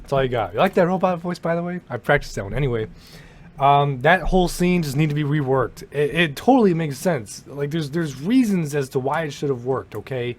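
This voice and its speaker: Speaking fairly quickly in a fairly high voice, a young man delivers casual movie commentary as a rambling rant. He swears and restarts his sentences often.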